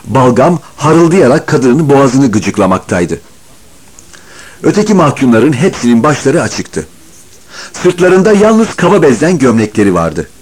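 Male audiobook narrator, husky tone, lively rising and falling delivery, expressive scripted reading. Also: medium pitch, a little slow. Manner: expressive storytelling, varied intonation.

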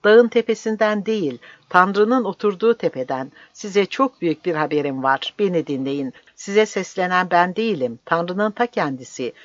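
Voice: medium pitch, normal speed, hardly any pauses, dry recording, voice pushed up, natural voice. A narrator voicing a fervent old village priest who preaches in a raised, impassioned voice, dry and slightly dull audio. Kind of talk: audiobook character voice.

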